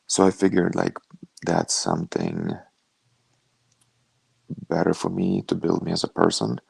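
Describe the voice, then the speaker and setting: Low gravelly man, husky and dry. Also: unhurried, dry recording. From Lithuania. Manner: relaxed storytelling, many "like" fillers. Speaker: guest, professional fighter. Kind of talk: casual interview over a video call.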